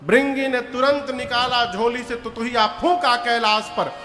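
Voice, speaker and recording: High-voiced man telling a devotional story. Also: steady tone, unhurried, bright, forceful tone. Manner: dramatic, voices characters, breaks into chant. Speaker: katha storyteller. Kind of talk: devotional story sermon with singing. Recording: echoey hall with music behind.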